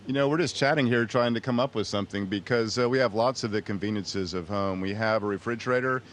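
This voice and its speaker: A man's voice: on the low side, quick pace, a bit bright. A man giving casual interview answers as an astronaut aboard a space station. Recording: noisy space station downlink.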